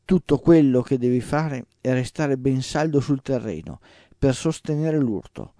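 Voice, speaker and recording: A man voicing an old male sorcerer teacher who speaks calmly with light teasing. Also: medium pitch, unhurried, no echo, studio quality. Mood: dry, instructive.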